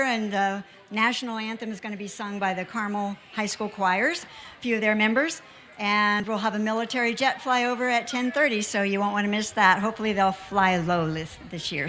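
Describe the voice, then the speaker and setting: A woman's voice: medium pitch, pushed and bright. An American woman making informal thank-you announcements as an event organizer. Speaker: festival organizer presenting thanks.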